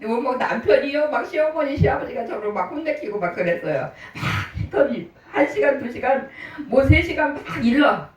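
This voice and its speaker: A middle-aged woman preaching in a church, telling personal stories in a chatty, lively way with frequent laughter. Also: high-pitched, moderate pace, hardly any pauses, highs cut off. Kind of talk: sermon told through personal stories. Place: church hall. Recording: roomy hall, voice from a distance.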